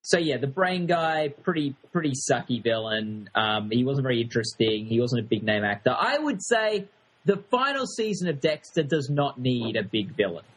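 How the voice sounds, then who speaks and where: Husky-voiced man, hesitant and dry. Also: mid-range voice, very animated, moderate pace. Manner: hesitant, restarts a lot, drily critical. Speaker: podcast co-host. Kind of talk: casual review chat.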